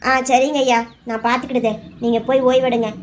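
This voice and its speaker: A woman's voice: a little high, flat delivery, a little fast, crowd noise, close to an everyday voice. A woman voicing a worried middle-aged mother in a cartoon serial, speaking in a soothing, tearful way. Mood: tender.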